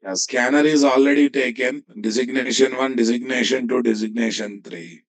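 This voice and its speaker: A man's voice: medium pitch, normal speed, poor audio. A man with a Telugu Indian English accent giving a live coding lesson, dictating as he types and often repeating phrases and checking with students. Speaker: programming instructor.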